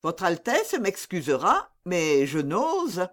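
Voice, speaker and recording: A woman's voice: fairly low pitch, wildly swooping pitch, takes it slowly, heavily acted. Woman voicing an evasive young courtier. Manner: feigned naive, deferential, evasive. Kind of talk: audiobook character reading.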